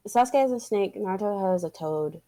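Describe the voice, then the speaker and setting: A woman co-hosting a casual podcast chat, animated and laughing, acting out quotes and swearing freely. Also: mid-range voice, a little fast. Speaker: podcast co-host. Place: home setup on a live stream.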